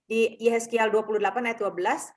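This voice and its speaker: A woman explaining a teaching point in a measured way and reading a scripture passage aloud. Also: a little high, steady tone.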